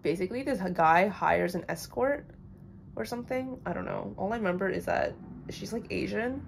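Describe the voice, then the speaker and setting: A woman's voice: medium pitch, moderate pace, vocal fry, slight background noise. A young woman casually rambling through blunt opinions on books she has read, with lots of fillers. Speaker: book vlogger. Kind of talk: casual chat.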